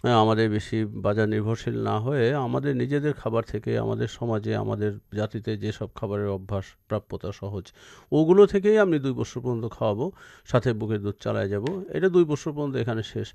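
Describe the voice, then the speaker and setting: A man's voice: lowish voice, brisk, creaky, mellow, no room sound. A man with a Bangladeshi accent explaining advice as a radio phone-in expert, with emphatic, repetitive lists. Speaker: expert guest answering listeners' questions.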